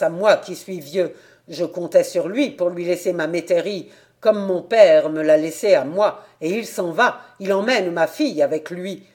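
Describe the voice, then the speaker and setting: A woman's voice: fairly low pitch, a little mellow, natural voice. A woman reading the part of a proud, tall old peasant farmer and father who speaks earnestly and solemnly.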